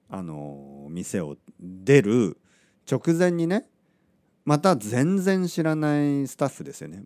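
A man's voice: lowish voice, dark tone, dry recording. A man hosting a podcast, telling a story in a casual monologue, acting out quotes and asking his listeners rhetorical questions. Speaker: podcast host.

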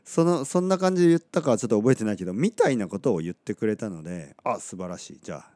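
Low-voiced guy from oita doing a laid-back podcast lesson, bouncy intonation, a bit scratchy in the throat. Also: quick pace, no room sound. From Oita, Kyushu, Japan. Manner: relaxed, chatty, many soft fillers, self-correcting. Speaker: Japanese teacher podcaster. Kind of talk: casual podcast lesson monologue.

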